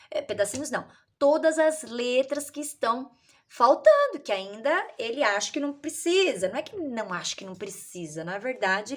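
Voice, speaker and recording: A woman teacher, explaining literacy activities in a lively way and acting out children's answers. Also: a little high.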